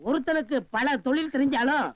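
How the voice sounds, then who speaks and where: A fawning beggar companion, high-pitched and quick, eager to agree. The recording is dry and dull, like a lo-fi film soundtrack. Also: male voice, no room sound.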